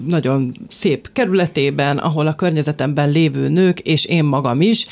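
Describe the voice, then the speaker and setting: A woman's voice: low-pitched, darkish tone. A woman from Hungary in a casual discussion, speaking thoughtfully with hesitant fillers.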